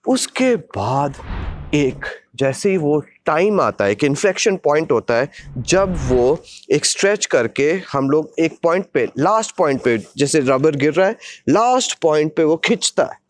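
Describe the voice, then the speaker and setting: Male vlogger, dramatic storyteller, slightly high voice, mixes English into his Hindi. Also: sing-song, unhurried. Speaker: vlogger telling a personal story. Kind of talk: animated storytelling.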